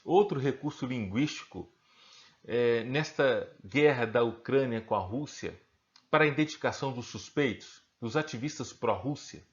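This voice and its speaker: Brazilian man teaching, slightly dull recording. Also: mid-range voice. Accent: Brazilian Portuguese. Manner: asks himself questions and answers them, checks in with the viewer. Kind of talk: recorded online lesson.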